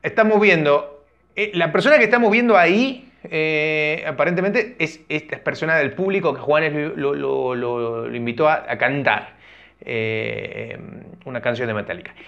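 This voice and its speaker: A man's voice: fairly high pitch, moderate pace, creaky, fairly bright tone, lo-fi sound. A young man, chatting casually as he reacts to a concert clip and thinking aloud with fillers and restarts. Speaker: reaction video host. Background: music from the video.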